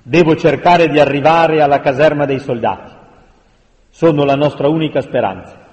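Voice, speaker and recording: A man's voice: fairly high pitch, moderate pace, a little mellow, lightly acted. Brief: commanding male leader in a storybook, urgent, pressing, echoey room, as the narrator plays him. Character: urgent male city leader sending people away. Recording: long reverberant room sound.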